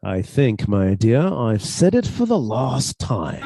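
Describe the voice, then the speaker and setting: A man's voice: medium pitch, very animated, slow pace, gravelly, heavy background noise, heavily acted. Man playing a meek, henpecked husband. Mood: quietly menacing. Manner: hesitant, stammering, dutifully submissive. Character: meek henpecked British professor husband with quiet menace. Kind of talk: theatrical radio suspense acting.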